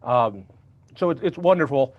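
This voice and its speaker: A man's voice: mid-range voice, expressive, moderate pace, no room sound. A man hosting a casual, humorous show, his speech slurred as if half his mouth were numb. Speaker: host, institute president. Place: online video call show. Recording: dull, lo-fi sound.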